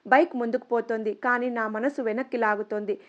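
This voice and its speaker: A woman's voice: fairly high pitch, steady tone, fairly quick. Woman narrating a story, lo-fi sound. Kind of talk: first-person story narration.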